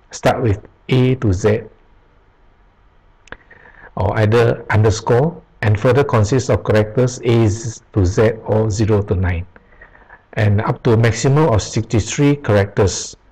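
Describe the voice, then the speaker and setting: Over a screen capture at his computer, a man teaches programming by reading from web pages, going slowly and haltingly with pauses and restarts. His voice is medium-pitched and darkish, and the recording quality is low.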